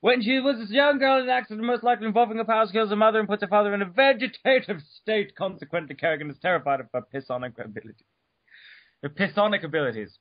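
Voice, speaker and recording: Reading an article in a room at home, a man hams it up theatrically, though he keeps stumbling and detouring into jokes. He talks fast in a voice that sits high, captured as a dull lo-fi recording with no room sound.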